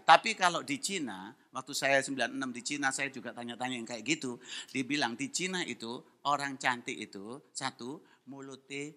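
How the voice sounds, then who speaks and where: Bright-voiced preacher man, lively storyteller. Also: medium pitch, a little hiss or hum. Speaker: pastor. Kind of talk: sermon with personal story. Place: church hall.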